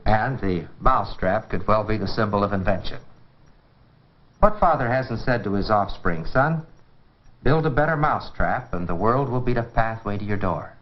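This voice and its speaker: With a fairly low pitch and normal speed, an American man narrates a 1950s educational science film in a folksy, chatty manner, sprinkling in rhetorical questions. The old film soundtrack has a dull quality.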